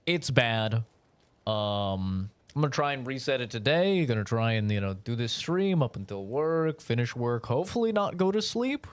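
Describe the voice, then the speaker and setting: A young man with a medium-pitched, smooth voice chats casually while streaming a game, rambling and swearing in a laid-back way. He's very animated and talks at a normal speed, and the recording is dry.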